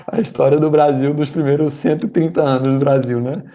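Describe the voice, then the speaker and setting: Hesitant, mellow Brazilian presenter. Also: medium pitch, fairly even intonation, normal speed, dull audio. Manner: hesitant, many fillers and repeated words. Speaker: study group presenter. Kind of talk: summarizing a book in a study group.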